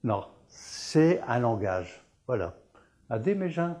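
Slow-talking dialect teacher. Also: male voice, medium pitch, sing-song, a little mellow. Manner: didactic, repeats words, asks and answers himself. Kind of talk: televised dialect lesson.

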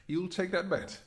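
Using a high-pitched voice, a man portrays a protective royal vampire husband in a scripted audio roleplay. He's soft-spoken and affectionate, with hesitant pauses.

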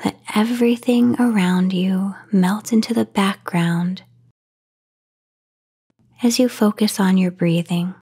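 In a breathy, soothing half-whisper of medium pitch, a woman leads a guided sleep meditation. Her intonation stays fairly even as she takes her time, letting long pauses fall between phrases. Nothing else is heard: no music, no background noise.

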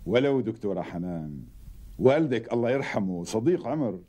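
A jovial middle-aged lawyer, Syrian accent, husky, quick, lively pitch, TV comedy. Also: male voice. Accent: Syrian Arabic. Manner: effusive, teasing. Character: jovial middle-aged male lawyer, warm family friend. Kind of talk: TV sitcom acting.

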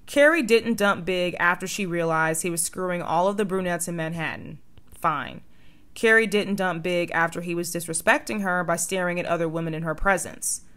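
A woman's voice: lowish voice, moderate pace, fairly bright tone. A young woman in her twenties narrating a video essay with sardonic, opinionated commentary.

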